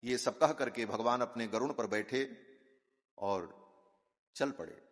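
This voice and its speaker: A man's voice: mid-range voice, slow. A man telling a devotional story as a sermon, chanting Sanskrit verses and calling his listeners Maharaj. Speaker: katha preacher. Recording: long hall reverb.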